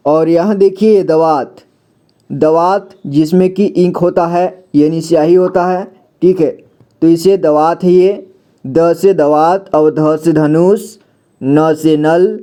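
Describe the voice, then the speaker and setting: A man gives a patient beginner's alphabet lesson and often checks back with the listener. His voice sits high for a man yet sounds mellow. He talks slowly and draws out each sound. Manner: patient, repeats "theek hai" often, drawn-out sounds. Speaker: Hindi teacher. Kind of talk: alphabet lesson explaining pictures.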